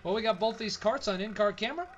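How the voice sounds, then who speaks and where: A man's voice: high-pitched, fast talker, lo-fi sound. A man doing informal kart race commentary with joking, salty banter. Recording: clear engine noise behind.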